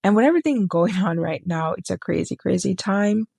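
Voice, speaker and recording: Book reviewer lady chatting to camera, kinda gravelly, wanders off topic and fixes her words a lot. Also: mid-range voice, animated, brisk, darkish tone, dry recording. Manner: rambling, sidetracked, self-correcting. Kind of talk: casual talk to camera.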